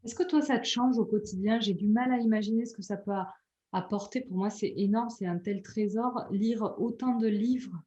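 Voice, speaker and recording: A woman's voice: mid-range voice, normal speed, warm tone. A woman interviewing a guest, asking curious questions. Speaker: interviewer, web writing trainer. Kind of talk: casual interview. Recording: echoey room, dull lo-fi sound.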